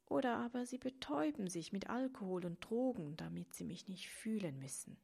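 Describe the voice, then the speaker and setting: A woman voicing the frail grey spirit of sadness, who speaks in a hoarse, halting whisper and sounds mistrustful. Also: mid-range voice, animated, a little mellow. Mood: mournful.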